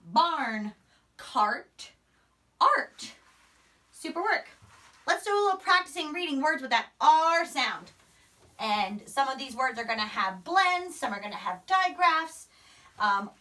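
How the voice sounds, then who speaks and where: Sounding out letters and words emphatically, a young woman teaches phonics to young children in front of a whiteboard in a small room. The primary school teacher's voice is high-pitched, bright and forceful, and it comes across distant through a camera mic placed a few steps away.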